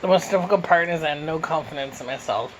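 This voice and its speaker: A man's voice: fairly high pitch, fast talker, a bit bright. Man talking with his mouth full, noisy room. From Canada. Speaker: YouTuber answering viewer questions. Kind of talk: casual mukbang Q and A. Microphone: phone.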